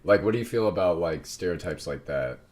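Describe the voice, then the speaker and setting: A man's voice: low-pitched, expressive, fairly quick, darkish tone. A young man co-hosting a podcast in casual chat. He rambles and hedges, restarting his sentences often. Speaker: podcast co-host.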